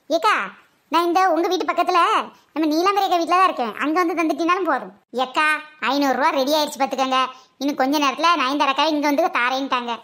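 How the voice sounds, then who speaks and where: A woman's voice: very high-pitched, sharp tone. A woman with a sore throat, voicing several village women in teasing comic banter. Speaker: comedy skit performer.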